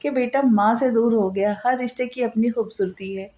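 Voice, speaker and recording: A loving middle-aged mother, voiced by a female narrator scolds gently and calmly. The voice is a little high. The recording is dull and lo-fi. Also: moderate pace, close to an everyday voice. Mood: gentle.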